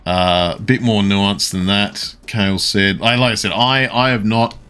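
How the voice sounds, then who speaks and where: A man with a fairly low voice chats casually on a live game stream, stopping often to gather his thoughts as he answers his viewers. Faint game music plays softly behind him. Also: fairly even intonation, clear, resonant tone. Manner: responds to chat messages, pausing often to think. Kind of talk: casual live-stream chat while gaming.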